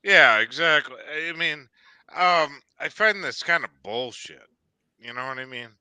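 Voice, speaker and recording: A man with a sharp, forceful voice and crisp sound leads a casual discussion. He rambles and hesitates, often searching for words. The sound is dry and close. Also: fairly high pitch, expressive, measured pace, dry recording.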